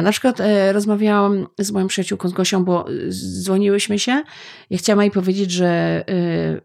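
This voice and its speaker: A woman's voice: lowish voice, creaky, a little mellow. A middle-aged woman co-hosting a podcast in casual chat, emotional and tearful, rambling with many restarts. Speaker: podcast co-host.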